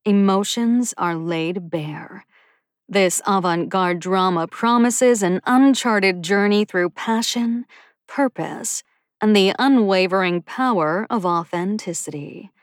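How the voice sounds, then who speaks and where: A woman's voice: mid-range voice, no echo. A sultry woman announcer for a glitzy TV show, grand and showy, her phrases swooping upward, as a woman reader puts her on. The sound is close and dry, with no room around it. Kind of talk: audiobook character voice.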